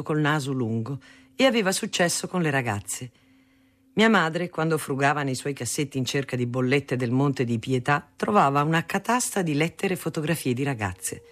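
A reader narrating a family memoir aloud in a measured storytelling manner. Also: mid-range voice, fairly bright tone. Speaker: audiobook reader. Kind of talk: reading a memoir novel aloud.

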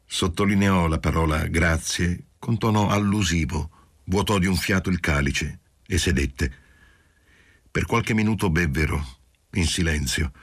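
A man giving steady, measured literary audiobook narration. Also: low-pitched, no room sound, studio quality.

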